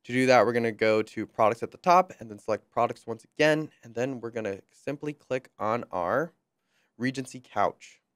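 A young man presenting a screen-recorded software walkthrough, friendly and upbeat with light jokes, on a close mic. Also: mid-range voice, moderate pace, smooth, no echo.

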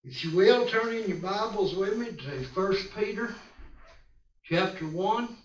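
A man preaching at a pulpit microphone, reading scripture slowly and deliberately with small stumbles. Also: sits high, a little hiss or hum. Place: church sanctuary. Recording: roomy church sound from a distance.

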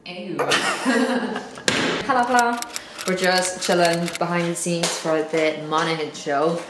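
A woman's voice: on the low side, fairly even intonation, a little slow. Chatty Irish young woman, noisy background. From Ireland. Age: young adult. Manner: chatty, upbeat, laughs often. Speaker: makeup artist vlogger. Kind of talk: casual vlog chat to camera. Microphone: handheld camera.

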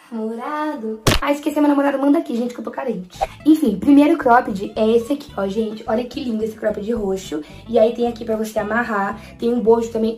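A woman's voice: fairly high pitch, a little mellow. A nineteen-year-old woman with a Brazilian accent, chatting to camera at home in a gushing, enthusiastic way. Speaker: vlogger. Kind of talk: casual chat to camera. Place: at home near her bed. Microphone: camera with ring light.

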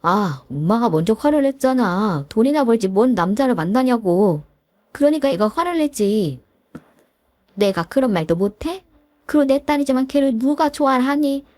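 A woman's voice: on the high side, animated, moderate pace, a little mellow, dry recording, lightly acted. A woman voicing a pushy, self-pitying older mother-in-law in a storybook drama, wheedling and guilt-tripping. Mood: pleading, pushy.

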